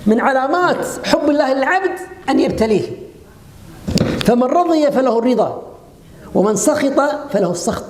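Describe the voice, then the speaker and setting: A man preaching, giving an animated religious lecture to women and asking them rhetorical questions. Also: very high voice, moderate pace, a little hiss or hum. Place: hotel lecture hall. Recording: echoey lecture hall.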